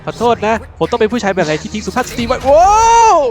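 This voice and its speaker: A man's voice: very high voice, wildly swooping pitch, fast, soft background music, full character voice. An actor playing a charming, joking male ally in video game dialogue. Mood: teasing. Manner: playful, joking.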